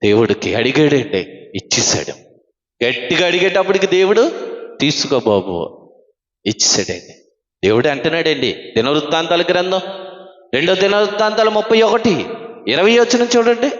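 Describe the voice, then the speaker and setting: A man preaching a sermon as pastor, fervent, his voice swinging sharply between loud high cries and low quiet lines. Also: expressive, fairly quick. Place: church hall. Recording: echoey hall, dull sound.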